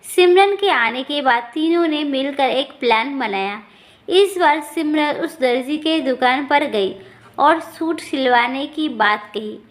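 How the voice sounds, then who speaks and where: A woman narrating a moral family story in a steady storytelling manner. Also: high-pitched. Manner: slow, even storytelling.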